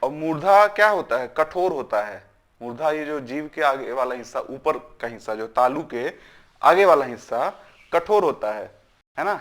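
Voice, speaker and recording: A man's voice: medium pitch, lively intonation, normal speed, fairly bright tone. A man teaching a grammar lesson. He asks questions, answers them himself and drills syllables aloud, often checking in with "is it not?".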